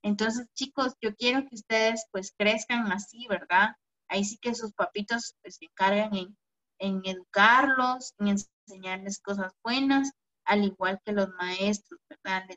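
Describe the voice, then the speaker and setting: A woman primary school teacher giving an online class to children, gentle and affectionate, often ending phrases with a questioning "¿verdad?". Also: medium pitch, a little slow. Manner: affectionate, calls pupils "mi amor". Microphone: video call. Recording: dull lo-fi video call audio.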